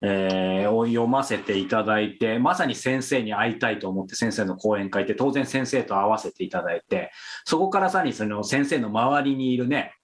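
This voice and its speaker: A man's voice: on the low side, lively intonation, moderate pace, few pauses. A man co-hosting a podcast in casual but polite chat, deferential and agreeable with the person he talks to. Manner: deferential, agreeable, frequent backchannels. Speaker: podcast co-host and interviewer.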